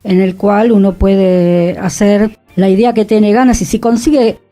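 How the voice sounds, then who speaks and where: A warm, steady voice in the middle range, a little slow, carries over faint music as this woman co-hosts a cultural radio talk show. Speaking from the studio, she stays reflective and conversational and occasionally laughs.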